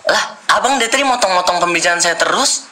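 Man, debate guest, defensive, stammering, bright slightly high voice. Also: animated, fast talker. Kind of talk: heated religious debate.

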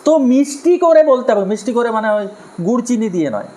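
Lively man giving a moral lecture. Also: extremely high pitch, fast talker, a little hiss or hum, poor audio. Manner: animated, asks rhetorical questions and acts out harsh and gentle tones. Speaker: spiritual speaker on family life. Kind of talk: moral lecture to a live audience.

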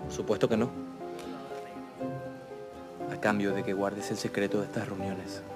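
An actor playing a calm, earnest revolutionary captain. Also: male voice, lowish voice, normal speed, over loud music, natural voice. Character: revolutionary captain, grave young man.

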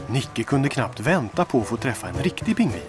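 A man narrating a dubbed children's cartoon in an expressive storytelling way. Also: medium pitch. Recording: music clearly under voice.

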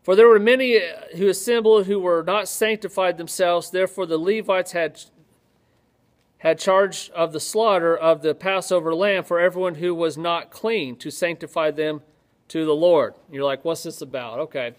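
A man's voice: sits high, steady tone, moderate pace. A man, a pastor teaching from the Bible in a casual, joking way and reading scripture aloud with more emphasis. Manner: conversational, joking asides, reads scripture aloud with rising emphasis. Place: office-like room with ceiling lights, indoors.

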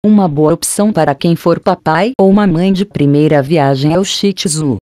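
A woman gives a scripted narration for a pet channel, reading in an even way and reciting lists of names. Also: low-pitched, normal speed, no room sound, clean studio sound. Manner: even read-aloud delivery, reciting name lists.

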